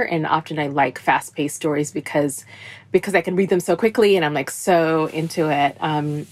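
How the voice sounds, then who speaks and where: A woman author from Oregon joins a podcast over a video call. Her voice sits a little low, and she talks eagerly in animated rushes. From United States (Oregon). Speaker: author, guest. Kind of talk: podcast interview.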